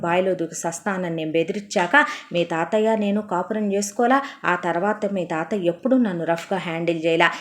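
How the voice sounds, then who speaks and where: A woman's voice: fairly low pitch, natural voice. A woman voicing a blunt older village grandmother who lectures and rebukes her granddaughter with pointed rhetorical questions, in a told story. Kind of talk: storytelling voice acting.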